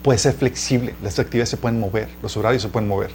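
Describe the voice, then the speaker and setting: A man's voice: on the low side, fairly even intonation, fast, a little mellow, slight background noise. A man with a Mexican accent preaching a conversational teaching sermon to a live audience. He tells personal stories, laughs at his own tales, and keeps turning to the listeners with questions. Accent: Mexican Spanish. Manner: chatty, addresses listeners as "chicos", asks them questions. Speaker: preacher teaching a church series.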